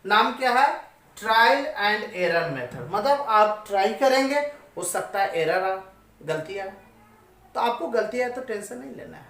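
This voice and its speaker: A woman's voice: mid-range voice, moderate pace, a bit bright. A woman teaching a maths lesson, asking her students questions and then answering them herself. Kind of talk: classroom-style maths lesson. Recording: echoey room, voice away from the mic.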